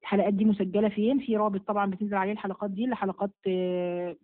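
A woman's voice: medium pitch, flat delivery, racing. A woman with an Egyptian accent, a religious teacher answering viewers' questions in a live session, firm and motherly, blessing each asker by name. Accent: Egyptian Arabic. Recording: phone-like narrow sound.

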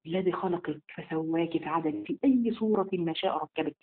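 A woman with an Egyptian Arabic accent giving a live online religious lesson. She talks rapidly and emphatically and slows down to recite scripture. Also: on the low side, breathy edge. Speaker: religious teacher. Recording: tinny phone-like audio.

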